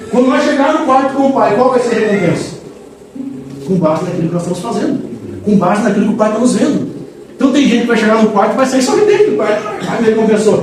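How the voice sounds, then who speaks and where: A man preaches with lively energy, slipping into voices of God and the faithful as he makes his points. His voice sits high for a man. The sound is roomy and distant, with steady noise under it. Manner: animated, acting out dialogues with God and churchgoers. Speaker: pastor. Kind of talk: sermon. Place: church. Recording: echoey church hall from far off with background noise.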